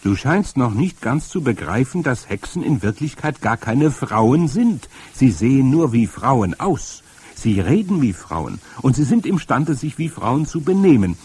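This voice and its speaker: A man reading aloud and voicing a stern old grandmother who explains things firmly, with a husky voice. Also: medium pitch, big pitch swings, darkish tone, no room sound, voice pushed up, exaggerated voice. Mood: stern, lecturing. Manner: firm, lecturing, drawn-out emphasis. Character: stern old grandmother, matter-of-fact storyteller. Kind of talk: audiobook reading.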